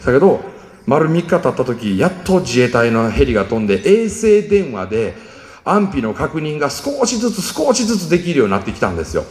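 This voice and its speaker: A man's voice: mid-range voice, sing-song, a little fast, darkish tone. A middle-aged man with a Kansai accent tells an emotional personal story as a speaker, acting out the voices he quotes. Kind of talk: storytelling talk. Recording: echoey hall.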